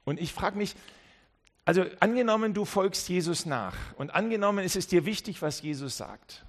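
A man preaching a sermon, who swings between loud calls and quiet asides and acts out the voices in his examples. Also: sits high, lively intonation, normal speed. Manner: dramatic, acts out voices in dialogue.

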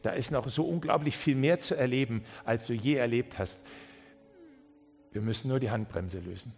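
A man's voice: mid-range voice, moderate pace, a little mellow, a little hiss or hum. A man preaching a sermon with passion, often acting out the people he quotes. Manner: passionate, acts out quoted speech, many restarts.

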